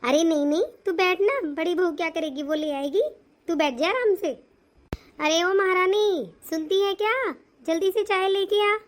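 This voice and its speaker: A bossy older mother-in-law from a cartoon family story, voiced by a woman. She nags and orders everyone about in a sharp, commanding way. The voice sits very high. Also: normal speed. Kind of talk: animated family story voice acting.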